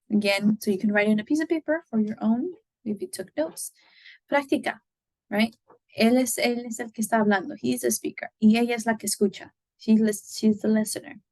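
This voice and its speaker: A woman teaching Spanish grammar, giving example sentences slowly and checking in with "right?" as she goes. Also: a little high, darkish tone, no echo, rough recording. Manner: slow, careful model sentences, frequent "right?" checks. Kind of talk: explaining grammar.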